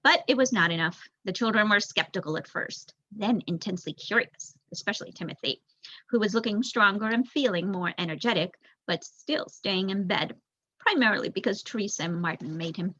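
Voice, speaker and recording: A young adult woman, a student volunteering as a story reader, reads a children's novel aloud as a storyteller. Her medium-pitched voice is fairly quick and sharp, and the recording sounds dull.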